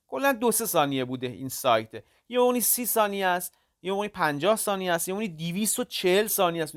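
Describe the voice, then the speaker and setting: Tutorial host, casual and halting, mid-pitched, dry close sound, calls viewers kids and friends. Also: dry recording. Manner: talks step by step, halting with frequent "uh" fillers. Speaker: crypto tutorial channel host. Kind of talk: casual screen-recorded walkthrough.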